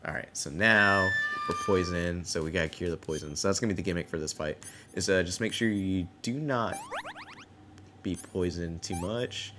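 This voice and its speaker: A man's voice: low-pitched, moderate pace, background noise. A man giving casual live gameplay commentary as a game streamer. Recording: loud game music mixed in. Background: loud music.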